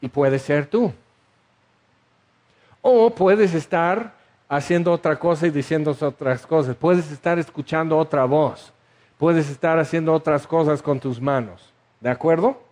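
A man preaching, his voice sitting a little high. He is animated and keeps putting questions to his listeners as he acts out the story. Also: a little slow. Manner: animated, asks the audience questions, acts out scenes. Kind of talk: sermon.

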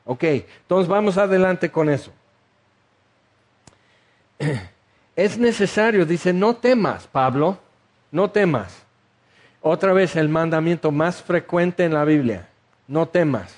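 Animated preacher, man. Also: fairly high pitch, slow pace, long pauses. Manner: animated, asks the audience questions, acts out scenes. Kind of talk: sermon.

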